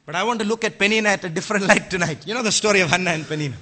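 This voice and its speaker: An impassioned man with an Indian accent preaches a sermon and now and then rises to a shout. His voice sits very high and rings very bright. He keeps putting rhetorical questions to his listeners. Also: rapid-fire. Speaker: pastor.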